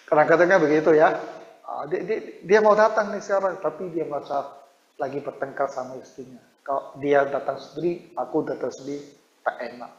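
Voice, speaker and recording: A man's voice: fairly even intonation, normal speed. A male pastor giving an informal sermon, telling personal stories and acting out conversations. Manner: conversational, storytelling with quoted dialogue. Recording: roomy, dull low-fi sound.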